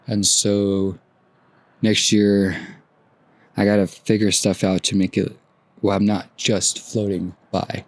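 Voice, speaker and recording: A man in his twenties hosting a solo podcast, talking through his feelings outdoors at sunrise in a soft, musing way that trails off and restarts. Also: fairly low pitch, little pitch movement, takes it slowly, long pauses, dry recording. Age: 20s. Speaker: podcast host. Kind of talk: reflective solo podcast monologue.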